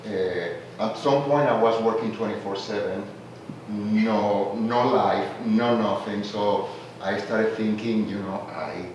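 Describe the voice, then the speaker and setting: Speaking slowly in a low, soft voice, a man born in Venezuela casually introduces himself as a tourism marketer at a community meeting room gathering. He starts hesitantly with plenty of "uh" before warming into laughing enthusiasm, picked up distantly in an echoey room with background noise.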